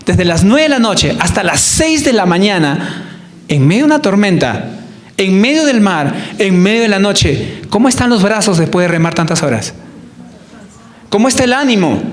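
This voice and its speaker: A man with a Colombian Spanish accent preaching in church, asking the congregation questions and acting out quoted voices. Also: extremely high pitch. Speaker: pastor. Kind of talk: sermon.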